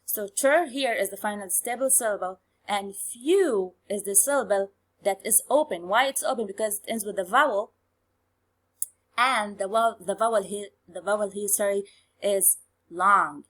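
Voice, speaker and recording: A woman teaching English phonics in a bilingual lesson. She explains slowly and repeats key terms. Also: medium pitch, fairly bright tone. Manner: slow, repetitive explanation, switching to quick colloquial Arabic recaps.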